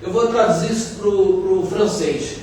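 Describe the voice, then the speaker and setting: A middle-aged Brazilian man delivers a university lecture in a fairly high voice, explaining step by step and checking in with little tag questions. The recording is distant and very echoey, with a faint hiss behind. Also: measured pace, a little mellow. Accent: Brazilian Portuguese. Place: lecture hall.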